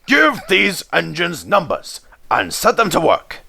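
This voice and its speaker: Man acting imperious controller, exasperated, emphatic, creaky, drawn-out delivery, storybook character. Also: sits high, wildly swooping pitch, bright, forceful tone, no echo, voice pushed up, exaggerated voice. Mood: stern. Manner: commanding, slow and emphatic. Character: stern, imperious male railway controller, exasperated boss.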